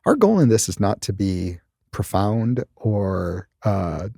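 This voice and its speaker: A man's voice: on the low side, very animated, slow, creaky, mellow, no echo, studio quality. A man hosting a casual church podcast, chatty and playful, laughing often and making small asides. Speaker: podcast host.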